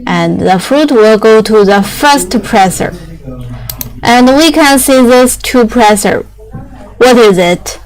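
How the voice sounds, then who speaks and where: In halting English full of fillers and restarts, a young woman whose first language is Chinese explains factory machinery. Her voice is fairly high and animated, and the recording is low quality.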